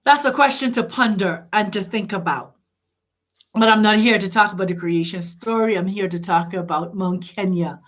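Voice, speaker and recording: At normal speed and in a mid-range voice, a woman hosts a fervent spiritual address. She fills it with rhetorical questions and urgently calls on her listeners.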